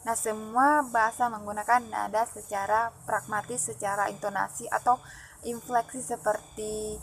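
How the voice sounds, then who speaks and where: A woman presenting phonology material as a student, reading her notes aloud and pausing often with fillers and restarts. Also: on the high side, a little hiss or hum, poor audio. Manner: halting, with frequent "eh" fillers and restarts. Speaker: student presenting an exam assignment.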